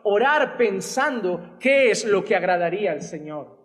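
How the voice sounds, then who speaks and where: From a church stage, a Spanish pastor in his thirties with an accent from Spain gives an impassioned sermon behind a wooden pulpit, gesturing widely with his arms. His high-pitched voice is animated, a little slow and fairly bright. A pulpit gooseneck mic records him with a big-room sound.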